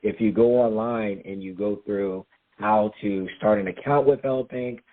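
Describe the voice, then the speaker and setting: Low-voiced man on a tinny phone line. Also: steady tone, measured pace. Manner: emphatic, answers his own rhetorical questions. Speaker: guest speaker explaining crypto. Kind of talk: explanatory call talk. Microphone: phone call.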